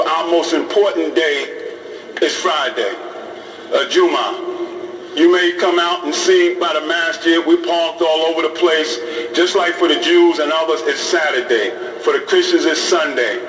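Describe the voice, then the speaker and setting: Middle-aged imam, fairly high voice, plain-spoken, heard in an echoey hall, mic at a distance. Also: male voice, a bit bright, muffled recording. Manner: plain-spoken, repeats phrases for emphasis. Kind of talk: informal talk to police recruits.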